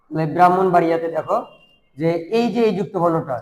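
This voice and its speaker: High-voiced young male teacher, echoey room. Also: a little mellow. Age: young adult. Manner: asks the class questions and answers them himself, repeating words slowly. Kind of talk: classroom grammar lesson.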